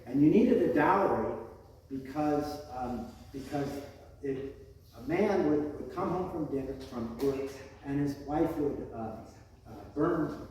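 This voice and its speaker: A man telling a joking first-person saint story at a parish party quiz, halting and rambling with many fillers and restarts. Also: fairly high pitch, darkish tone, slight background noise. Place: large echoey parish hall. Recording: echoey hall, voice from far off.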